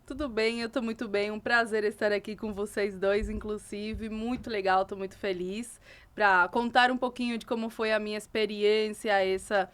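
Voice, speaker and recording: A woman's voice: medium pitch, normal speed. A Cuban-born woman who speaks Portuguese with a Cuban Spanish accent, Spanish being her first language, telling her story as a guest in an interview. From Cuba. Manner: animated, laughs often while telling stories.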